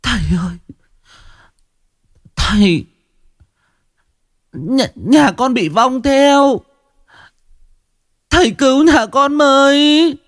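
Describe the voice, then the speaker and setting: A man's voice: sits high, lively intonation, very slow, pauses often, darkish tone, slightly rough, no room sound, clean studio sound, voice pushed up, full character voice. A man voicing a young city woman who sobs and pleads. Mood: pleading. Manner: sobbing, pleading.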